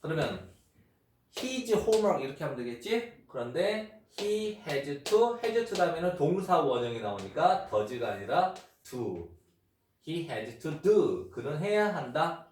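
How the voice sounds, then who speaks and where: Patient Korean-speaking English teacher, echoey room. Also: male voice, a little high, very animated. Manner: explains step by step, repeats English phrases slowly. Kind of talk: unedited grammar lesson for children. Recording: echoey room, mic far off, faint noise.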